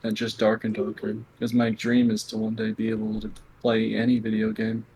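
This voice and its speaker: A man being interviewed as a competitive gamer, speaking bluntly and earnestly with halting restarts. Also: on the low side, monotone, a little hiss or hum, rough recording. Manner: quiet, near whispering at times. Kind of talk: candid conversational interview.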